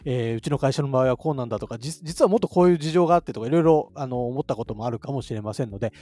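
Very fast, mellow male podcast host. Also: medium pitch, expressive, no room sound. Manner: attentive, frequent backchannels. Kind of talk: casual-polite podcast hosting. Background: faint music.

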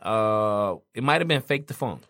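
A man's voice: fairly low pitch, normal speed. A man hosting an interview podcast, asking questions and telling stories in a loose, chatty way. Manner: storytelling, animated when telling anecdotes. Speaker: podcast host. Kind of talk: casual interview chat.

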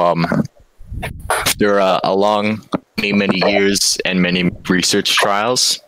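A man's voice: low-pitched, sharp tone, dry recording, rough recording. Man on a call, audio cutting out. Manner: halting, with many fillers. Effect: audio cutting out in choppy bursts. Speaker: guest on an online call. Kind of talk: joking roleplay on a call. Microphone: remote call mic.

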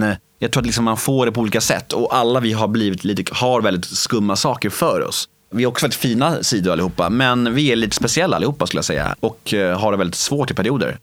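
A man in his late twenties, speaking candidly in an interview, halting with many fillers and restarts. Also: lowish voice, no echo.

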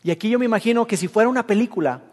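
A man preaching a sermon, retelling a parable and acting out its characters' voices in a lively way. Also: sits high, very fast. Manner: storytelling, acting out the characters' lines. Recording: long hall reverb.

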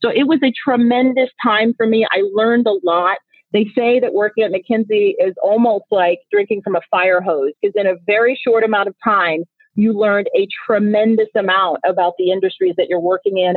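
A company founder in her thirties, a Nigerian woman whose first language is Igbo, speaks as an interview guest at a slightly fast pace, her medium-pitched voice fairly even in intonation. Her answers are sincere and reflective, punctuated by frequent restarts. No room sound is audible, but the audio is tinny, like a phone call.

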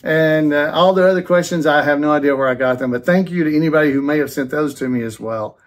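A man's voice: on the high side, fast talker. A man hosting a podcast, chatting casually and reading trivia questions aloud twice, laughing easily. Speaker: podcast host. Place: on a cruise ship.

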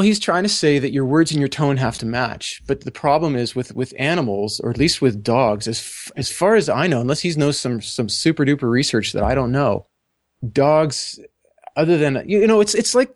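A man co-hosting a podcast, talking through a book in halting, self-correcting speech and reading passages aloud. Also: mid-range voice, lively intonation, no echo. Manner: halting, repeats words, reads passages aloud. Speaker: podcast co-host. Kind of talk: casual book discussion.

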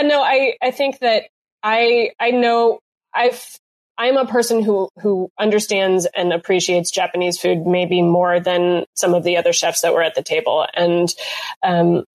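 A woman chef recapping a cooking competition in casual chat, often pausing with ums and restarting her sentences. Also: medium pitch, steady tone. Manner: hesitant, lots of ums and restarts.

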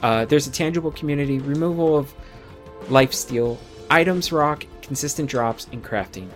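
A man's voice: on the high side, normal speed, soft background music. Rambling, jokey man hosting a podcast. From North America. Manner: jokey, rambling, stammering restarts. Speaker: podcast host. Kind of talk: casual podcast chat.

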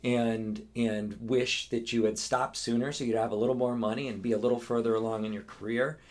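A man's voice: medium pitch, little pitch movement, a little fast. A man on a podcast talking earnestly and thoughtfully, often checking that the others agree. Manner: earnest, reflective, asks for agreement. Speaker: podcast co-host. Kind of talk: casual podcast discussion.

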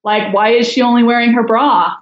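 Casting note: chatty woman guest, wry and gossipy, higher voice, roomy dull-sounding line. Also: fairly even intonation, brisk. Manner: wry, chatty, judgmental humor. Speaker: podcast guest. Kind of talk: casual chat.

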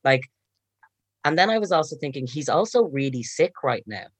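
Calm, measured young man, dry sound. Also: fairly high pitch, breathy edge, no echo. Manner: calm, measured, steady recounting. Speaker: guest. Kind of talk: casual storytelling chat.

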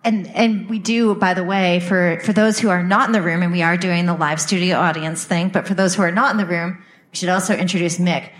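A woman hosting a casual live podcast interview, speaking in a halting way and often restarting her sentences. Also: fairly low pitch, steady tone. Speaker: podcast host. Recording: live room recording, faint noise.

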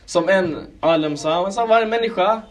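A man with a high-pitched voice delivers a sermon. He keeps firing rhetorical questions at the congregation and calls them his brothers and sisters. He clears his throat now and then between points. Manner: asks listeners many rhetorical questions; addresses listeners as brothers and sisters. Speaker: preacher.

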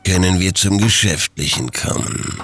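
A man voicing a relaxed, menacing gangster boss in a storybook reading, drawling slowly and sounding self-satisfied. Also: low voice, husky, soft background music, heavily acted. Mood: smug. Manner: slow, drawn out and self-satisfied.

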